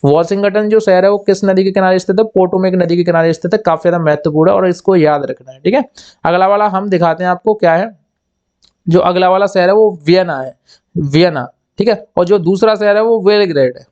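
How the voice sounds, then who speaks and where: A man's voice: high voice, a little fast, darkish tone, dull audio. A man teaching memory tricks for exams, repeating key words and asking and answering his own questions. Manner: acts out little scenes in quoted voices. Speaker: exam coaching teacher.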